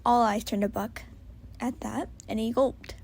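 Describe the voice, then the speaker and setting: A woman's voice: on the high side, fairly even intonation, a little slow, vocal fry, husky. Whispering woman reading a story. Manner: soft, whispered and hushed. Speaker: story reader. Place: home with a cat.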